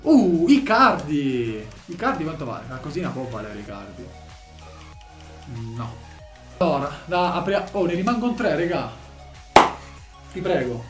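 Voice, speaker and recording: A man commentating as he opens game packs, swinging from shouted excitement to low muttering. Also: measured pace, pauses often, echoey room, music in the background. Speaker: gaming YouTuber opening packs.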